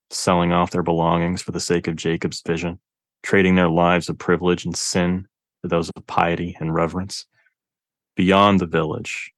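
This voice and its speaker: A man reading a novel aloud as narrator, close to the mic, in a measured, restrained way. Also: deep voice, dry recording. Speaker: audiobook narrator. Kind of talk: scripted narration of dark fiction.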